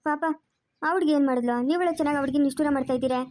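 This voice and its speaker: A woman's voice: sits high, rapid-fire, no echo, close to an everyday voice. A woman doing a kind village neighbour woman. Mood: pleading. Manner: pleading, scolding gently. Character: kind middle-aged village neighbour woman, fair-minded.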